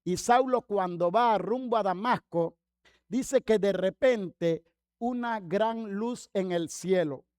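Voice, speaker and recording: A male pastor preaching a sermon, lively, asking the congregation questions and acting out quotes. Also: high-pitched, slow, no room sound, studio quality. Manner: lively, talks to congregation by name, acts out quotes. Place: church.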